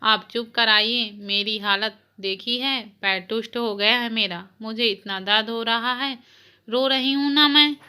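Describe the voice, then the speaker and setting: A woman's voice: fairly high pitch, unhurried, sharp tone, clear, resonant tone. A woman voicing a sulky young wife who speaks tearfully.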